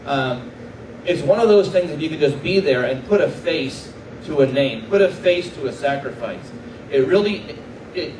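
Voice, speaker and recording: A middle-aged man, a military chaplain, giving an earnest inspirational speech to a live audience and slowing down to stress his key points. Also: a little high. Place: large room before an audience. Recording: echoey room, distant mic, faint background noise.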